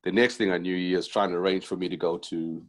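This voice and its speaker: His voice very deep and low, a middle-aged Zimbabwean basketball coach talks quickly and steadily about his past on a podcast. The casual interview chat rambles, with restarted sentences and plenty of "um" and "you know."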